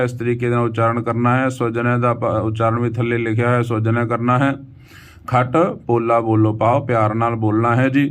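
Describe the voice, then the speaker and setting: Male recitation teacher, slow chanted verses alternating with patient pronunciation pointers. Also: medium pitch. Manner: slow measured chanting of verses, then plain explanation; patient, instructive, polite address to listeners.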